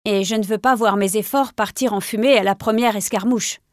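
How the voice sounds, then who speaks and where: A woman's voice: fairly even intonation, fairly quick, no echo, clean studio sound, natural voice. A woman voicing a stern, imposing male warrior cat in a storybook reading, brusque and commanding. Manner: brusque, then silky and low.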